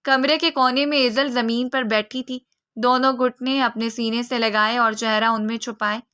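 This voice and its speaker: Woman narrator for a romance novel, measured and emotive, bright tone. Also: on the high side, steady tone, clean tone. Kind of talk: scripted storybook narration.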